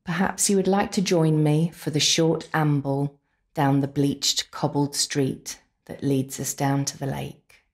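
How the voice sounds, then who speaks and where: A complementary therapist, a woman with a low, slow voice and little pitch movement, leads a guided relaxation. Her scripted visualisation narration is unhurried and soothing, with deliberate pauses.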